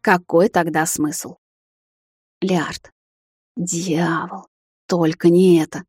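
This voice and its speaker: A woman's voice: on the low side, level tone, extremely slow, a little mellow, husky, no room sound. A woman narrating a fantasy romance novel in a dramatic first-person reading on a close mic. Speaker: audiobook narrator. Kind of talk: scripted narration.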